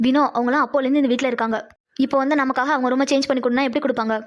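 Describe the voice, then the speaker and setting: Brief: a level-headed cartoon big sister, high-voiced and quick, as a woman plays her. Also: steady tone, lo-fi sound, close to an everyday voice. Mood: chiding. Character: sensible young woman, calm elder sister. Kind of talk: cartoon dub acting.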